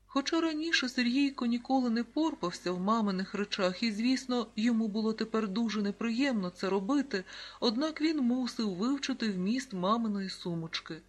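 Calm children's audiobook narrator. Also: mid-range voice, normal speed. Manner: calm, even storytelling, reading out page numbers. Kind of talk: scripted narration of a children's book.

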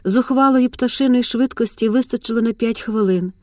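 A woman narrating an audiobook in a measured, dramatic manner. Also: fairly high pitch, mellow, no echo, clean studio sound.

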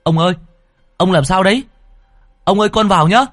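A man's voice: mid-range voice, very animated, a little slow, husky, no room sound, clean studio sound, pitched above the performer's own voice, heavily acted. A man voicing an anxious, deferential young male servant calling out to his master. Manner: eager, deferential, loud calling.

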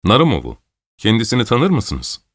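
Reading an audiobook, a man performs a young officer who talks in a light, teasing way. His voice is lowish but raised above his natural pitch, swooping wildly at a normal speed, slightly bright and heavily acted. The recording is dry and clean, with studio sound.

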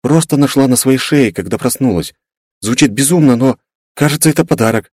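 A man voicing a thoughtful, earnest young woman adventurer in an audiobook, speaking softly and a bit hesitantly. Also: medium pitch, animated, normal speed, dry recording, clean studio sound, pitched above the performer's own voice, natural voice. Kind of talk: audiobook character voice.

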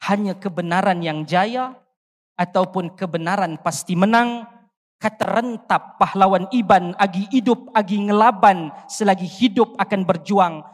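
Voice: mid-range voice, unhurried. A convention panel speaker, reciting a poem with declamatory, rhetorical rises and falls before giving closing remarks. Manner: declamatory, rhetorical rise and fall. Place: large convention hall. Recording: long hall reverb.

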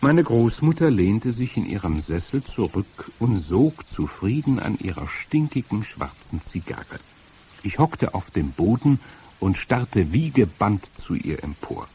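A man narrating a story in a calm, measured way, with a husky voice. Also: lowish voice. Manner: calm, measured, quieter tags. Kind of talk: audiobook narration.

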